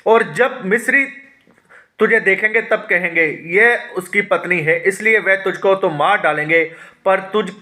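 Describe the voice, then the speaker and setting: A pastor leads a Bible study in a fairly high, bright and forceful voice. He reads verses aloud and explains them, pausing on hesitation sounds. He asks questions and answers them himself, and often addresses his listeners as his dear ones.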